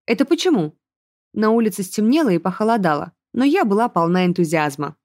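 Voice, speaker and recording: Lady reading a story audiobook, lively, super dry close sound. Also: mid-range voice, fast, no echo. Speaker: audiobook narrator. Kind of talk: audiobook narration.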